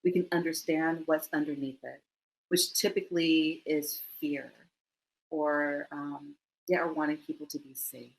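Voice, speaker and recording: This middle-aged mindfulness teacher has a low voice with vocal fry, fairly even intonation, and a measured pace. Interviewed over a video call with rough audio, she slips in warm, laughing asides and acts out the people she quotes.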